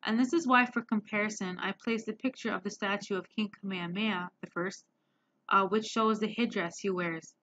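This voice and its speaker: A woman giving a class presentation on slides, hesitant and filling pauses with many ums. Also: medium pitch, fairly even intonation, a bit bright. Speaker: student presenter. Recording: dull lo-fi sound.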